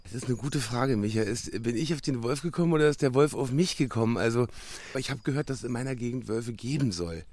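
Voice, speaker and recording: Mann mit mittlerer, trocken klingender Stimme. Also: male voice, medium pitch, quick pace, darkish tone, no room sound. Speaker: wolf expert and guest.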